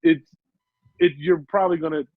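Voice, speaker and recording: A man's voice: a little high, fairly even intonation, no room sound. A man co-hosting a comedy podcast, telling brash, profane stories in casual banter. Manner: brash, rapid, profane storytelling. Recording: dull lo-fi sound.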